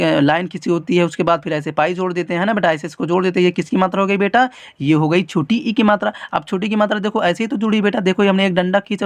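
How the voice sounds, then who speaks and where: A teacher hosting a children's writing lesson, patient and repetitive, calling the viewer "beta" and dragging out letter sounds slowly. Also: medium pitch, dry recording. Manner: drags out letter sounds slowly when demonstrating. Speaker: teacher and channel host.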